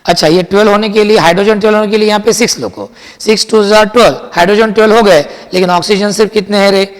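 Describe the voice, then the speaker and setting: A man teaching chemistry in a classroom lecture, mixing Hindi and English, asking and answering his own questions and repeating key sentences slowly for dictation. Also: sits high, fairly even intonation, long reverb tail. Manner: addresses students as children, asks and answers his own questions.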